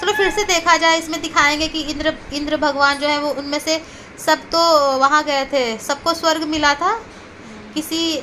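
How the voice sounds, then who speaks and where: A woman's voice: sits high, fairly even intonation, moderate pace, sharp tone, a little hiss or hum. A woman filming a casual home vlog, talking to her pet dog in playful baby talk and teasing it. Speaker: pet owner vlogger.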